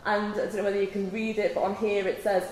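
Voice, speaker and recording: A woman's voice: medium pitch, flat delivery, fast talker, a little mellow. A woman with a Scouse accent giving an informal academic talk, chatty and self-deprecating with lots of filler ums. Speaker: lecturer presenting research. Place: workshop venue indoors. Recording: echoey hall with long reverb, faint noise.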